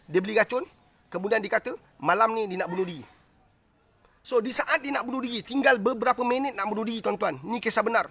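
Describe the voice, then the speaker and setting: A Malaysian man hosts a live stream, telling a story in an earnest, repetitive way and often checking in with his viewers. His voice sits high and sounds bright and husky. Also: fast. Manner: earnest, repetitive, rhetorical asides.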